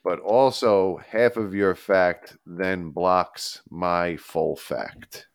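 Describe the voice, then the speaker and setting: A man's voice: deep voice, steady tone, very slow, dry recording, studio quality. A man co-hosting a podcast in casual chat, methodically reasoning through the scoring. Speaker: podcast co-host.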